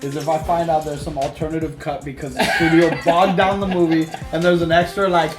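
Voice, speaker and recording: Male review co-host, fairly high voice, emphatic and opinionated, casual and sweary, echoey room sound. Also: level tone, fairly quick, over music. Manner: opinionated, emphatic, repeats himself. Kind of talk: casual film review chat with profanity.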